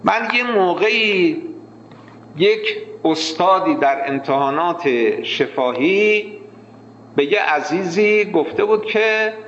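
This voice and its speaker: Animated man lecturing in an echoey hall. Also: high voice, slight background noise. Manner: lively lecturing, switches into slow chanted reading of text. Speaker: seminary teacher of jurisprudence. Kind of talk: classroom lecture. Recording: echoey hall, dull lo-fi sound.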